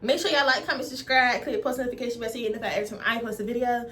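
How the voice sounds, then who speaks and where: High-voiced stuffy young woman vlogging. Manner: fast, slangy, animated talk. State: stuffy nose. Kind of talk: casual chat to camera.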